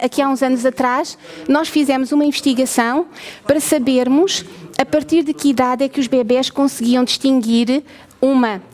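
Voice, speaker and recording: Woman, European Portuguese accent, high voice, researcher giving an explanatory talk, quizzes listeners. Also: darkish tone. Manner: asks the audience questions, checks with "ok?". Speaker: researcher presenting a lab.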